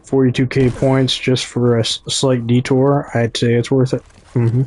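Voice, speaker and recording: A man's voice: mid-range voice, level tone, unhurried, a little mellow. A man with a Midwestern American accent giving casual gameplay commentary, chatty and talking straight to his viewers, often correcting himself mid-thought. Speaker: gaming YouTuber.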